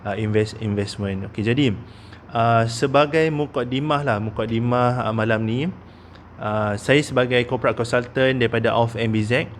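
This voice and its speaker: A man's voice: medium pitch, steady tone, moderate pace, a little hiss or hum. A man in his thirties with a Malaysian Malay accent, giving a casual investment talk as a consultant, with many "ah" fillers and "okey?" tags. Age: 30s.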